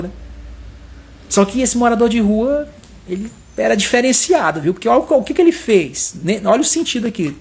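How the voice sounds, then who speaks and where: A man's voice: high-pitched, a little mellow. A man leading a Bible study, preaching in a conversational way and often tagging his sentences with short questions. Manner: conversational, repeats tag questions. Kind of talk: informal sermon.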